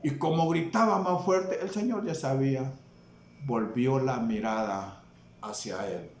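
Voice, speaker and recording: Slow-preaching Salvadoran man in echoey church. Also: medium pitch, a little hiss or hum. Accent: Salvadoran Spanish. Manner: slow, emphatic preaching with questions to the congregation. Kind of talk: sermon. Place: church hall.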